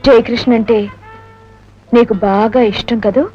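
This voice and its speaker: A woman's voice: a little high, fairly even intonation, measured pace, mellow, natural voice. An actress playing a scheming, well-off young woman who talks in a coaxing, persuasive way. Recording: dull film soundtrack with music.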